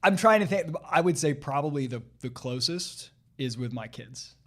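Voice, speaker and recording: A man's voice: a little high, animated, normal speed. A middle-aged man co-hosting a podcast, easygoing and self-deprecating, laughing between points. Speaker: podcast co-host. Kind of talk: casual chat.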